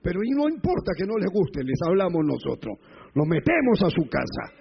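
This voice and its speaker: Gravelly high-pitched preaching man. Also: wildly swooping pitch, normal speed, slight background noise. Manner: preaching, rising to loud emphatic peaks. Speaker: pastor. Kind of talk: sermon with anecdotes. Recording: muffled lo-fi hall recording.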